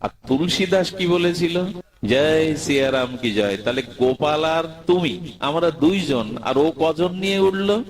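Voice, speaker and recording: A man voicing the divine boy Gopal, a gentle child who coaxes and questions sweetly. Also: a little high, animated, a little slow, crowd noise, voice pushed up, rough recording. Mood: coaxing.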